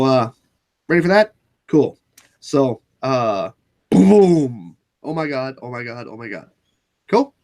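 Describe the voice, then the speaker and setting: A man's voice: medium pitch, a little mellow. Male host, casual chat, blunt and sarcastic, profane, choppy delivery. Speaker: channel host.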